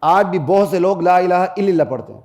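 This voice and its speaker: A middle-aged man giving a Friday sermon as a mufti. He preaches emphatically, rising to loud peaks, drops to low asides to the congregation, and chants Arabic verses melodically.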